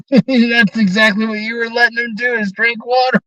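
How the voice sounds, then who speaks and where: A man's voice: extremely high pitch, flat delivery, normal speed, pushed and bright, dry recording. A man in a casual chat, laughing along and giving short replies, heard from a distance on a dull recording. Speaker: friend in a casual hangout.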